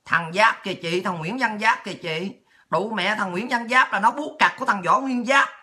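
A woman's voice: mid-range voice, normal speed, sharp tone. A woman hosts a political livestream, scolding and mocking in a profane rant. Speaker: political talk show host.

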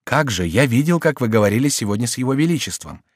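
Brief: man as a polite, officious gatekeeper, lively intonation, dry. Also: medium pitch, no echo, close to an everyday voice. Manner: courteous, apologetic, hurried. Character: polite, fussy male gate officer.

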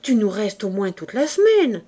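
A fussy, prudish old spinster aunt, as a woman reader puts her on, her exclamations pitched up and stretched out. She fusses over her nephew in a storybook reading. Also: very animated, mellow. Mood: fond. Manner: exclaiming, raised and drawn-out.

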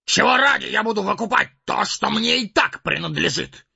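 A man's voice: expressive, brisk, dull audio, full character voice. A man reading an audiobook voices an enraged, proud older dwarf king in a strained, ranting voice, over faint music. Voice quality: shrill, gravelly and strained when shouting. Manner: ranting, accusing.

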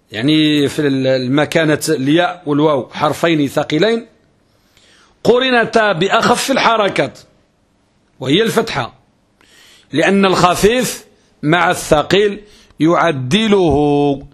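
A man's voice: fairly high pitch, lively intonation, unhurried, long pauses. A man giving a grammar lecture as a religious teacher, asking rhetorical questions and repeating key phrases. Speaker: Islamic scholar teaching Arabic grammar. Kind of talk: classroom lecture.

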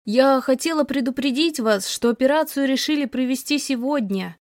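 Woman voicing a calm, reassuring doctor on the phone. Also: sits high, no echo, clean studio sound, natural voice. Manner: reassuring, brisk.

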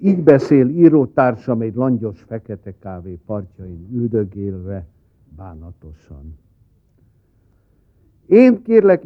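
A man giving a wry, deadpan satirical monologue as a comedy writer. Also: on the low side. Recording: tinny lo-fi cassette.

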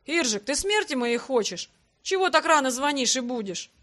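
A woman's voice: high voice, very animated, moderate pace, fairly bright tone. A woman voicing a sleepy, grumpy young man who complains indignantly. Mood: grumbling.

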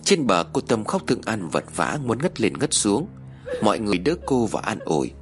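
A low-voiced man tells a first-person horror story in a measured, somber way. His pitch moves in lively swings, and faint music plays underneath.

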